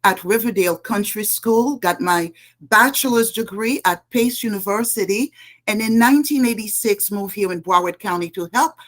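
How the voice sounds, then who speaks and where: This is a middle-aged woman from Haiti, answering questions as a candidate in a panel interview. She speaks earnestly and with emphasis, stacking her points one after another. Her voice sits at an ordinary pitch for a woman. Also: moderate pace. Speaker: political candidate.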